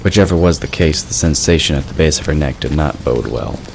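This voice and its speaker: Scripted storytelling for a fantasy audio drama comes from a man with an extremely low voice at a fairly quick pace. Clear noise sits in the background.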